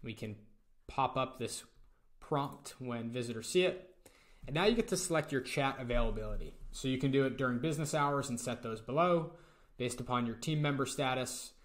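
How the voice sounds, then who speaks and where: Relaxed man walking through a tutorial. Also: medium pitch, moderate pace. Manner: relaxed step-by-step walkthrough. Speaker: tutorial presenter. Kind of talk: screen-recorded software tutorial.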